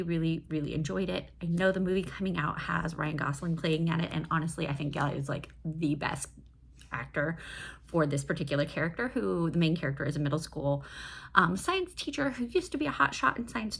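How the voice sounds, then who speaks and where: Slight background noise sits behind a woman with a lowish, gravelly voice. She chats casually and enthusiastically about books, digressing often, like a host reviewing what she has been reading.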